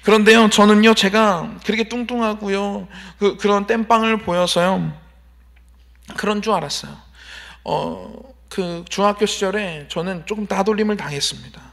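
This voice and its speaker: A man preaching an evening church sermon, telling a personal story with emphatic pauses and rhetorical questions. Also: high-pitched, gravelly, fairly bright tone. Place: church sanctuary.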